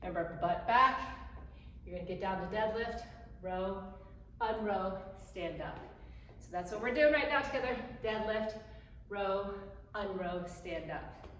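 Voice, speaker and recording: A woman's voice: medium pitch, a little slow, a bit bright. A woman fitness instructor coaching a home workout, counting reps and cueing moves in short, encouraging phrases. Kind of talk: home workout coaching while demonstrating exercises. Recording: very echoey room, distant mic, faint noise.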